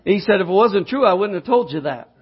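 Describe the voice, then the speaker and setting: A middle-aged pastor with a high, slightly rough voice speaks fast and with animation. His sermon moves from a homespun story to fervent exhortation, captured with dull lo-fi sound.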